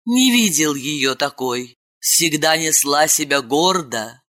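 A woman narrating an audiobook fantasy story with slow, expressive storytelling. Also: sits low. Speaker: audiobook reader. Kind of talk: scripted narration.

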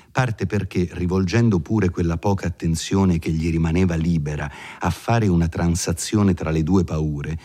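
A man reading a classic novel aloud as audiobook narrator, in a measured, dramatic manner. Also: low-pitched, dark tone. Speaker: audiobook reader.

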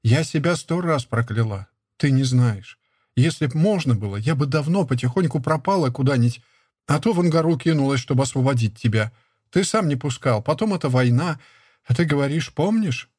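A man's voice: medium pitch, lively intonation, a little fast, a little mellow, breathy edge, no echo, studio quality. A man reading a young village wife who pleads and frets in a raised, plaintive voice. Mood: pleading. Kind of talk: audiobook character reading.

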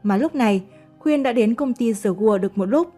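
Woman narrator, mellow tone, measured story reading, faint background music. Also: fairly high pitch, animated. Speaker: audiobook narrator.

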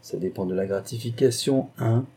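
A gruff, penny-pinching country gentleman who grumbles and bargains bluntly, as a male audiobook reader voices him. The tone sits low and dark with a husky grain. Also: moderate pace. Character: gruff, stingy provincial gentleman.

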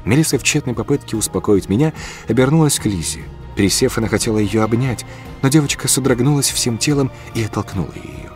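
A man narrating a story in a calm, measured audiobook reading. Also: mid-range voice, faint music behind. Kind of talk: scripted first-person narration.

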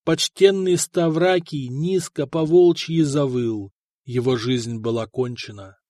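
A man reading a historical novel aloud in measured scripted narration. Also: medium pitch, fairly even intonation, darkish tone, no echo. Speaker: audiobook narrator.

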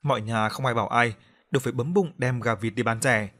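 A man narrating a horror audiobook in a steady storytelling read. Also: mid-range voice, a little fast.

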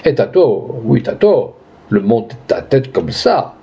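A man voicing a sharp-tongued, practical peasant wife who nags in rustic country speech. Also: medium pitch, very animated, measured pace, highs cut off. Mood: scolding.

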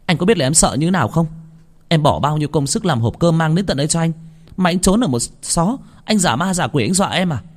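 A man voicing a quick-tempered young woman who speaks high and agitated in a storytelling reading. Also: animated, dark tone, husky. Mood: angry. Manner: high, agitated, stumbling with anger.

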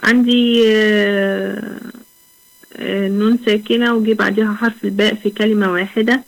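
Young egyptian woman, recitation teacher, patient, slow drawn-out example words, middle pitch. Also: level tone, vocal fry, low-quality recording. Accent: Egyptian Arabic. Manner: patient, asks questions then answers them, drawls example words slowly. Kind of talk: online tajweed lesson.

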